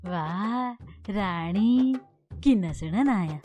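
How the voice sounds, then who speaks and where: A woman's voice: expressive, takes it slowly, dark tone, faint music behind. An actress playing a blind, motherly old village woman with a Punjabi accent, coaxing and tender in a film scene. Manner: coaxing, tender, then shrill scolding.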